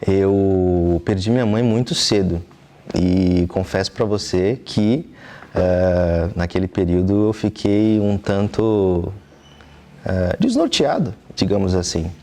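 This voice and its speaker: Low, dark-voiced young Brazilian man. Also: animated, takes it slowly. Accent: Brazilian Portuguese. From southeastern Brazil. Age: young adult. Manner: earnest, thoughtful, with frequent hesitation fillers. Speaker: interview guest, trumpeter. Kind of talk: reflective interview answers. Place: TV studio.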